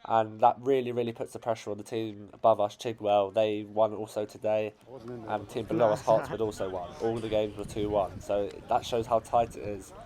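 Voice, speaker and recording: A man with an English accent commentating on his own amateur football team's match highlights, his voice cracking as the excitement builds. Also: moderate pace. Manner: builds to shouting excitement at late chances.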